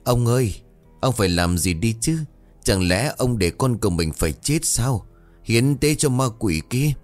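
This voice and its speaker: A man's voice: on the low side, a little fast, a little mellow, faint music behind, natural voice. A man voicing a distraught middle-aged mother who begs tearfully.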